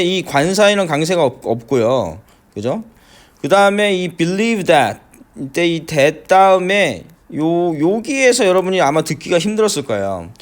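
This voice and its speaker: A man with a Korean accent teaching English listening and pronunciation, explaining step by step and repeating phrases slowly. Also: on the high side.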